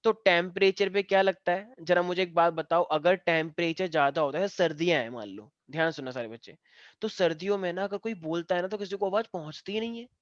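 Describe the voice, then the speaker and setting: In a live online class, a man teaches science step by step, keeping things playful by teasing and joking with students. His voice is high and a little fast, and the recording is dry and muffled.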